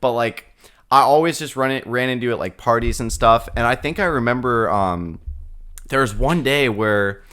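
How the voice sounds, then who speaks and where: A podcast co-host, a young man in his twenties, casually retells a story with plenty of swearing, laughter, and animation. He speaks at normal speed with a mid-range, clear, resonant voice.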